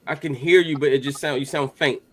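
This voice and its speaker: A man's voice: on the high side, fairly even intonation, brisk, fairly bright tone. A man hosting a sports podcast, announcing picks and steering the talk. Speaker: podcast host. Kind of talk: casual sports chat.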